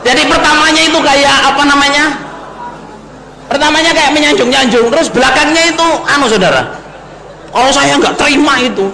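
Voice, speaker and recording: A man preaching to a congregation, telling a story in a lively way and often speaking to his listeners directly. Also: extremely high pitch, brisk, slight background noise. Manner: animated, addresses the congregation often, drops in Javanese phrases. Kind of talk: storytelling sermon. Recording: long hall reverb.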